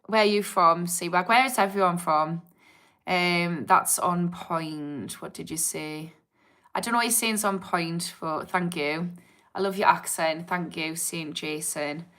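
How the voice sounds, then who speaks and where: An addiction therapist from England, she answers viewer comments candidly during a casual livestream. Her fairly low voice sounds pushed and bright at a measured pace, and her Geordie accent has a slightly posh twang.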